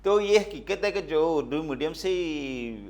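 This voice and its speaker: A man's voice: a little high, animated, darkish tone, slight background noise. A man with a Pakistani accent hosting a talk show, asking questions conversationally, telling personal anecdotes and affirming often. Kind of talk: interviewer questions.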